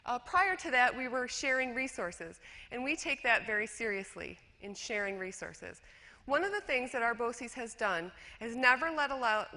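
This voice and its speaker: Fairly high-pitched, pushed and bright, a woman educator from rural western New York, USA, talks through her slides at a conference. She's chatty and self-deprecating, often using fillers and restarting sentences, and the recording carries the long reverb of a lecture hall.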